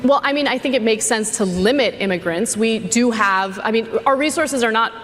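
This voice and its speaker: A woman's voice: fairly high pitch, brisk, a bit bright, a little hiss or hum. A woman from Los Angeles arguing earnestly as a panelist in a live debate, on a handheld mic in a large convention hall. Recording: reverberant hall, faint ambience.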